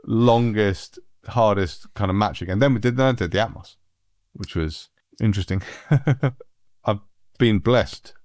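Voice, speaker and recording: A middle-aged man from England, a music producer, telling anecdotes in a relaxed, animated way with frequent laughs. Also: fairly low pitch, a little slow, no echo, clean studio sound. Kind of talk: relaxed storytelling.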